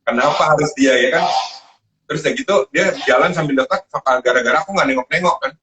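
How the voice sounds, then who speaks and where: A man's voice: on the high side, fast, noisy background. A man, a guest chef, telling stories in a casual live chat over a video call and acting out the voices of the people in them. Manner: animated, acts out quoted voices while telling stories.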